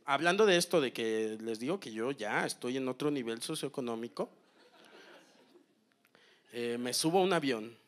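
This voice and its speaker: A man in his thirties doing stand-up comedy, telling a story in a deadpan way, repeating phrases and then breaking into sudden loud bursts. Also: medium pitch. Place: comedy stage.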